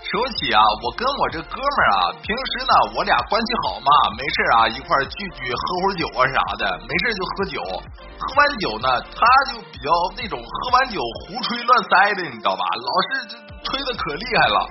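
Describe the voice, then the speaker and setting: A joke-telling host spins comic stories in a chatty style, bantering with a sidekick and laughing at his own jokes. His voice is on the high side, sing-song, and quick, heard over a dull recording with music behind it.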